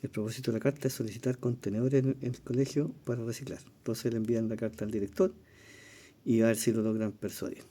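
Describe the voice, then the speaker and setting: Chilean man teaching, very dark voice. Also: medium pitch, flat delivery, fast talker. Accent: Chilean Spanish. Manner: explanatory, thinking aloud with fillers and tag questions. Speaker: teacher reviewing exam questions. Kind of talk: recorded exam-prep lesson.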